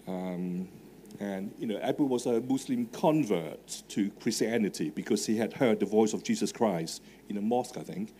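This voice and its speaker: On the low side and dark in tone, this middle-aged man's voice moves at a moderate pace through a handheld microphone with a little hiss or hum. A native Cantonese speaker with a Hong Kong English accent, he addresses students live from the stage of a large marquee tent, conversational and full of fillers, questioning the audience as he goes.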